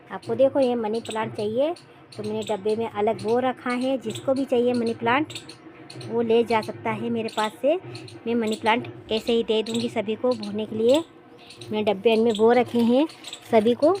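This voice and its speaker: A woman's voice: a little high, background noise. Chatty woman showing round her home. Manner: chatty, repeats phrases, talks straight to viewers. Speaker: home vlogger. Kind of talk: casual home tour vlog. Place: home and garden, outdoors.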